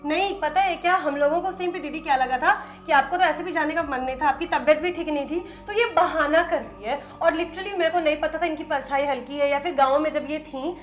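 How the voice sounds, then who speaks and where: Young woman vlogging, super high voice, chatty and animated, talks right to viewers. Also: fairly quick, hardly any pauses. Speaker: vlogger narrating a trip. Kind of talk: casual storytelling vlog.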